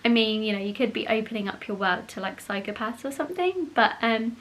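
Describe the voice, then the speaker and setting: A woman's voice: a little high, expressive, a bit bright. A woman chatting casually to camera as a vlogger recommending things, informal and a little short of breath. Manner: chatty, informal, talks quickly by own account. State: slightly breathless from pregnancy. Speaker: YouTuber presenting book recommendations.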